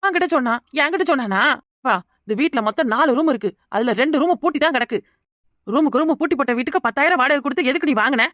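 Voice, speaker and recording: Cartoon: a jittery Kanyakumari young wife, high, fast, dry studio. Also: female voice, expressive, a bit bright, no echo. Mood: indignant. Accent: Kanyakumari Tamil. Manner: rapid, insistent, pleading. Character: frightened young village wife. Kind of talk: cartoon voice acting.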